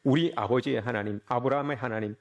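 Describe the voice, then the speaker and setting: A man's voice: mid-range voice, quick pace, muffled recording, voice pushed down, close to an everyday voice. A male preacher voicing a wronged young man who pours out his heart with emotion during a sermon. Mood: pleading. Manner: pleading, emotional.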